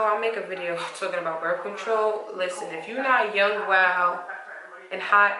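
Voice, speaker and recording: A young woman vlogger telling her pregnancy stories frankly, with slangy, animated delivery that jumps in pitch whenever she acts out what people said. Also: echoey room, rough recording. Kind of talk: candid storytelling to camera.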